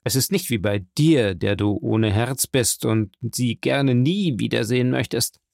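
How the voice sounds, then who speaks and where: A man's voice: medium pitch, measured pace, vocal fry, darkish tone, no room sound, clean studio sound. A man voicing a greedy, scheming male ex-convict who needles and wheedles, in a storybook reading.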